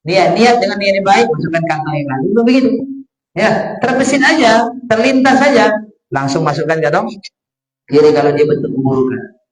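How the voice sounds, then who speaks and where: High-voiced religious teacher, echoey room. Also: male voice, sing-song, brisk. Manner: repetitive explaining with frequent "ya" fillers, quoting Arabic then translating. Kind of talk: religious study lecture. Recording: roomy echo.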